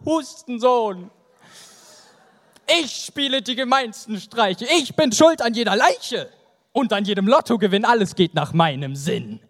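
A man's voice: high voice, animated, a little slow, a bit bright, pitched above the performer's own voice, exaggerated voice. A young man performing a poem who voices Fate as a mocking, taunting male figure in rhyme. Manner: taunting, rhyming, gleeful. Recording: hall reverb.

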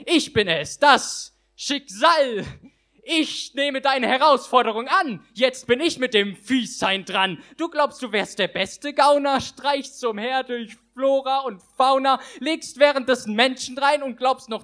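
A man's voice: very high voice, fairly bright tone, pitched above the performer's own voice, heavily acted. Young man as sneering personified Fate. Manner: sneering, rhyming, rambling asides. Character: mocking, sarcastic personified Fate, ageless and rude.

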